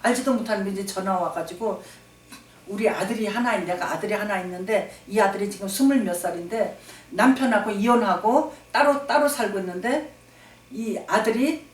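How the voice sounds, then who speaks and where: A woman's voice: mid-range voice, moderate pace. Woman pastor, emphatic preaching, repeats phrases, reverberant hall, distant mic. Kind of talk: sermon. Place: church sanctuary.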